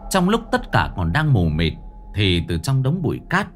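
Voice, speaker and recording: A man narrating a ghost story in a dramatic, expressive reading. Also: lowish voice, normal speed, a little hiss or hum.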